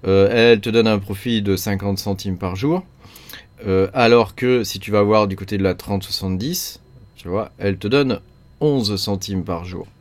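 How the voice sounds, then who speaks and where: A man's voice: fairly low pitch, moderate pace. A man from France hosts a mining channel, explaining things in casual, rambling talk full of fillers. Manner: rambling, many fillers like euh, hein, quoi. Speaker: crypto mining channel host.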